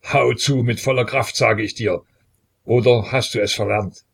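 A man voicing a furious, domineering Russian tsar who shouts commands. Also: medium pitch, steady tone, moderate pace, creaky, husky.

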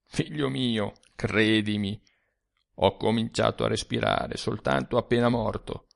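A man doing a dead old man in a storybook reading, his voice dropped low and muted, rough with gravel. He confides slowly and secretively. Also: animated, full character voice. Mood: hushed.

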